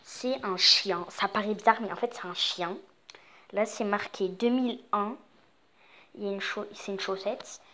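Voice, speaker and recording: Her tone is bright and forceful, with a medium pitch and normal speed. This young woman is a vlogger giving a rambling, casual tour of her home's Christmas decorations, and she uses a lot of fillers.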